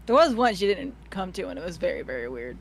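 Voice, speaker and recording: A woman's voice: fairly low pitch, sing-song, quick pace, vocal fry, slight background noise. A tired woman guest on a casual stream, teasing and swearing with her friends.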